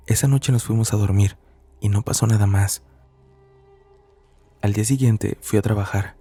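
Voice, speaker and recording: A man narrates a scripted horror story in a dark, husky voice with a gravelly edge. His delivery is measured and somber. Faint music plays underneath. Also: on the low side.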